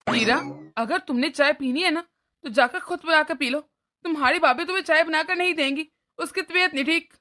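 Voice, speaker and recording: An irritable elder son from a cartoon family story, played by a woman. He argues and complains in a very high, bright voice. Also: fairly quick. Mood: arguing. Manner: complaining, argumentative.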